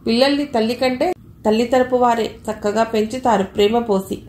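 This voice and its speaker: A woman's voice: a little high, steady tone, fairly quick, darkish tone, a little hiss or hum, lightly acted. A woman voicing a kind, self-assured younger sister who reasons confidently, in a storybook reading. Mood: persuasive. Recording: echoey room, faint ambience.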